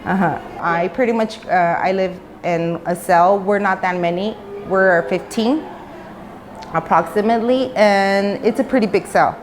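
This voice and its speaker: Here a Mexican-born woman in her thirties, raised in the US, opens up in a personal interview recorded at a women's prison in Mexico. She talks a little slowly in a mid-range voice, rambling with plenty of fillers and false starts, and faint hiss or hum sits under the audio.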